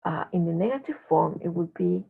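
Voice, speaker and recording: A woman lectures her language class, her voice deeply gravelly and raspy. She works through the points haltingly, stopping often to fill pauses. The audio is thin and phone-like. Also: lively intonation. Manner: halting explanations with frequent filler pauses. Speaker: language teacher. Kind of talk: recorded lecture.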